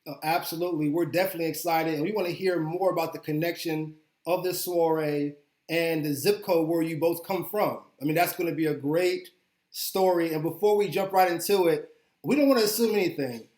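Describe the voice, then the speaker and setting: A man's voice: on the high side, fairly quick, a little mellow, echoey room. A man hosting a podcast interview in a casual, upbeat way, often repeating words as he goes. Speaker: podcast host.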